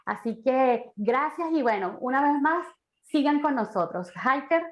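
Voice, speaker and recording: Higher-pitched woman, effusive presenter. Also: expressive, measured pace, poor audio. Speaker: panelist. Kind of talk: online talk.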